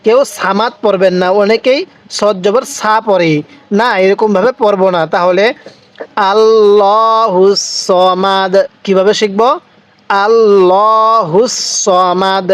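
A man teaching Quran recitation to Bangladeshi listeners, repeating each word slowly and asking them to recite along. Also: sits high, fairly even intonation, dry recording. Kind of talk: slow step-by-step recitation lesson.

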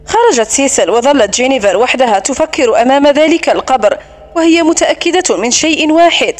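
A woman narrating a romance novel audiobook with expressive storytelling. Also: high-pitched, fairly quick.

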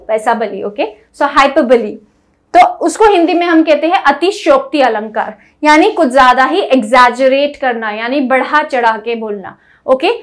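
A woman grammar teacher, explaining to viewers and reading example sentences slowly and deliberately. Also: sits high. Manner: reads English examples slowly and deliberately, mixing Hindi and English. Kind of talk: classroom-style lesson explaining to viewers.

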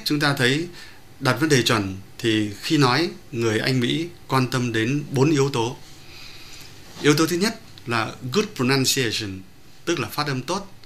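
A man lecturing as a pronunciation teacher, explaining point by point in a measured way with occasional hesitations. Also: mid-range voice, fairly bright tone, a little hiss or hum.

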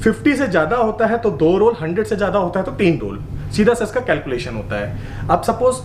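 Shop owner, man, 30s, rapid eager sales pitch, noisy echoey store. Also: sing-song. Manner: explains prices and details eagerly. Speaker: shop owner showing products. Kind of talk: sales walkthrough. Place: indoor wallpaper shop.

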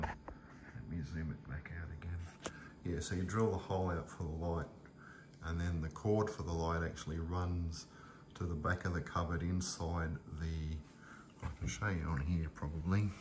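A low-pitched man rambles casually through a tour of his home kitchen and pantry, full of fillers and restarts. He films it indoors on a handheld phone camera, and there's background noise.

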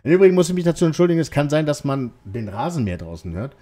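A man streaming a horror game, rambling and joking as he talks back to the characters. His voice is husky, and his pitch swings about in a lively way. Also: racing. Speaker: let's play streamer. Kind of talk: joking let's play commentary. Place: at home, lawnmower outside.

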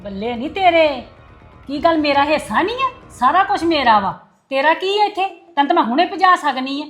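A woman's voice: high voice, animated, fairly quick, a bit bright, faint music behind. A woman playing an older, bitter mother-in-law in a family web drama who scolds and taunts. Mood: scolding.

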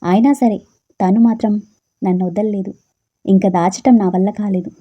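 Brief: woman storyteller, husky and mellow, soft subdued first-person reading. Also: mid-range voice, fairly even intonation, normal speed, dull audio.

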